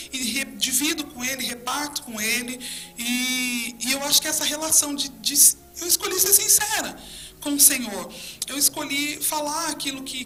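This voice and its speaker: A Brazilian woman pastor with a high, bright voice, telling her testimony in a lively storyteller's way. She acts out conversations as she tells them. Faint music plays behind her. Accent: Brazilian Portuguese. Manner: animated storytelling, acting out dialogue with God. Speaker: pastor and guest. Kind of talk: testimony in a faith interview.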